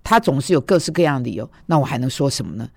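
A woman's voice: very deep voice, lively intonation, racing, slightly rough, dry recording, studio quality. A woman in her sixties, a seminary teacher, gives an earnest, confessional devotional talk, dropping her voice to quote others. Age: 60s. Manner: earnest and emotional, drops her voice for quoted speech.

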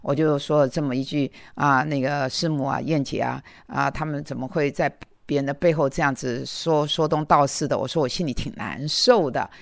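A woman's voice: rumbling low, normal speed, vocal fry, dry recording, clean studio sound. A woman in her sixties preaching in a conversational way, telling a personal story with many fillers and repeated words. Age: 60s. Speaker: lay preacher. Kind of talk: testimony sermon.

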